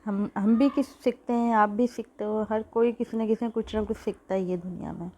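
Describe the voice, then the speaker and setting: A woman's voice: mid-range voice, steady tone, brisk, warm tone. Woman with a sore throat, cooking tutorial. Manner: chatty, repeats "theek hai" often. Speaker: cooking channel host. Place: home kitchen. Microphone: phone.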